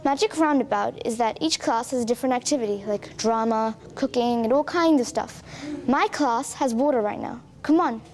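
A woman's voice: fairly high pitch, normal speed, a little mellow. A ten-year-old girl acting as a student guide, chatting her way through a school tour. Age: teens. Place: school hallways and classrooms.

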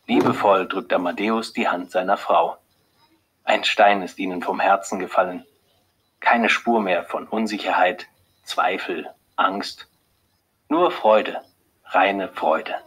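A man narrating a story in a slow, clear and deliberate way, with a husky voice. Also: deep voice, steady tone, a bit bright, poor audio. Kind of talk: scripted audiobook narration.

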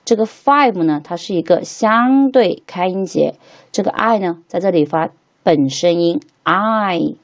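A woman whose voice is fairly low, recorded with dull audio, guides beginners through an English textbook lesson. She patiently repeats every word three times, slowly.

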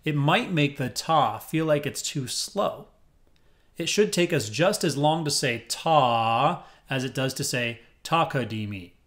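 A man teaching a music lesson, upbeat and clear, counting rhythm syllables aloud in a steady pulse. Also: on the high side, a little slow. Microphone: headphones on, desk recording.

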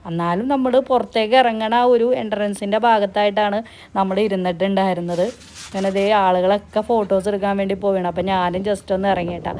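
Fast-talking Kerala woman vlogger mixing in English. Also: mid-range voice, steady tone, a little mellow, a little hiss or hum. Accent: Kerala Malayalam. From Kerala, India. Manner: chatty, mixes English words into Malayalam. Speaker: travel vlogger. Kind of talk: casual vlog narration.

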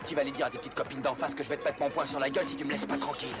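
An actor dubbing an aggressive street thug who threatens violence. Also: male voice, mid-range voice, fairly even intonation, racing, highs cut off, over loud music, natural voice. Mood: threatening. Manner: hostile, threatening.

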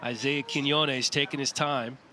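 A man calling a live slap fight as play-by-play commentator, explaining each call in a measured way. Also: mid-range voice, fairly even intonation. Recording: broadcast mic with loud crowd behind.

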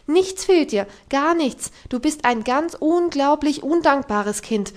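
A woman's voice: high voice, animated, takes it slowly, pitched above the performer's own voice. A woman voicing a strict, easily outraged housekeeper in an audiobook, scolding in indignant outbursts. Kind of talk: audiobook reading.

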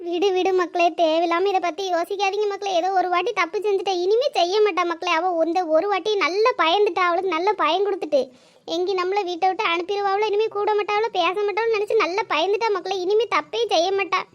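Brief: a kindly older cartoon woman, very high and quick, apologetic and soothing. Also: fairly even intonation, fairly bright tone, dry recording, highs cut off. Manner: pleading, soothing, repeats her pet word for him.

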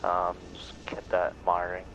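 A man with a low voice and flat intonation speaks in radio procedure as a military sim pilot. He pauses as he works out each message. The recording is clearly noisy. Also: lo-fi sound. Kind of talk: radio talk in a military simulation game. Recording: noisy game radio chat.

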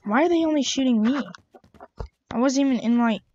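A woman's voice: high voice, brisk, warm tone, slight background noise. A woman giving chatty, exasperated running commentary over her own gameplay. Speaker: gamer. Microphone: own desk mic. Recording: dull lo-fi home mic.

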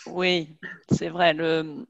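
A woman's voice: low-pitched, flat delivery, drawn-out words, vocal fry, no echo, lo-fi sound. A woman in her forties hosting a casual video call interview on a headset, chatty and laughing often. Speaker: host and French teacher. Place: home room, video call.

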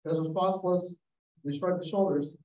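Over a video call, a man shows a slideshow and tells anecdotes, acting out what people said. He is a photographer and guest speaker. His voice is high-pitched and a little mellow, with fairly even intonation and normal speed. He is far from the microphone, giving the audio a roomy feel.

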